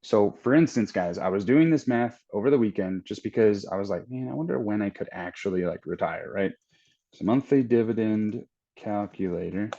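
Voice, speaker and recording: A man in his thirties hosts a trading channel, his voice fairly low and warm. He rambles casually through a screen-share walkthrough, thinking aloud and restarting as he calculates the numbers on screen. The recording has a dull, lo-fi quality.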